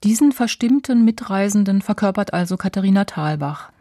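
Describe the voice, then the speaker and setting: A woman narrating a radio feature in an even, informative manner. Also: mid-range voice, brisk, no echo. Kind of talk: scripted narration.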